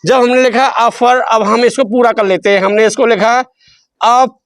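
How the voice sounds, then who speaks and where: This very high, steady voice belongs to a man from India teaching spelling in Hindi as an English teacher. He speaks at a normal speed in a slightly bright tone over a dry recording, echoing his questions to the class and stretching syllables out.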